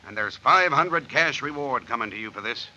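An actor playing a folksy, steady sheriff with an American Western drawl in a vintage radio western on a noisy recording. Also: male voice, mid-range voice, normal speed. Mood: hearty. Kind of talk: 1940s radio western acting.

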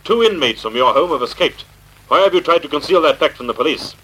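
An actor playing an unseen, menacing crime-fighter, accusing and commanding in a theatrical old radio drama style, through a filtered voice. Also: male voice, fairly high pitch, expressive, fast, a bit bright, husky, rough recording. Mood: accusing, stern. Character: unseen avenging crime-fighter, menacing, mocking invisible man. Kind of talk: vintage radio drama acting.

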